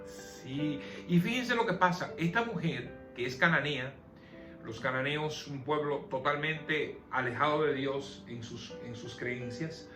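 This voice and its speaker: Speaking at a measured pace in a voice on the high side, a man guides a conversational Bible study. He explains the passage and poses questions, recorded in an echoey room over soft music.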